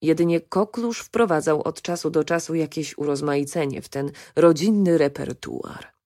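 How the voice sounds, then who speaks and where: A woman narrating an audiobook with a calm, even reading. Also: sits low, moderate pace, no room sound, studio quality. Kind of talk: scripted narration.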